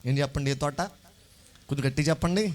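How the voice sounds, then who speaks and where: A man preaching a sermon as pastor, repeating phrases and building to loud exclamations as he calls on the congregation to answer back. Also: mid-range voice, fairly even intonation, fast talker. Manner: call-and-response preaching, urging the congregation to answer louder.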